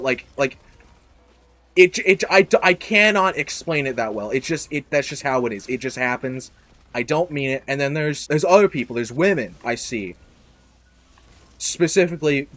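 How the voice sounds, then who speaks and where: A young man hosting a casual podcast chat, rambling and self-deprecating with sudden loud exclamations. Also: on the high side, dry recording. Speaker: podcast host.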